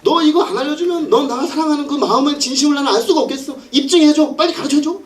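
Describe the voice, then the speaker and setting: A man's voice: extremely high pitch, fast talker, far from the mic, pitched above the performer's own voice. A male preacher voicing a sulking young woman who tearfully pleads with her lover. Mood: tearful pleading. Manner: whiny, tearful, insistent coaxing.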